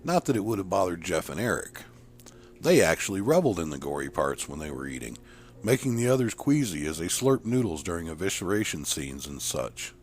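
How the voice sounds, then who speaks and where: A man reading a spooky short story aloud, in an expressive storytelling way. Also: deep voice, fairly quick. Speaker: narrator. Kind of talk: storytelling narration. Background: faint background music.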